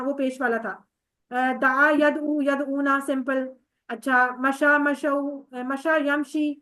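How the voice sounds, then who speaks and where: High-voiced woman teaching Arabic grammar. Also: a bit bright. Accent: Pakistani Urdu. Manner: patient, drills verb forms and quizzes students by name. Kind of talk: online class teaching.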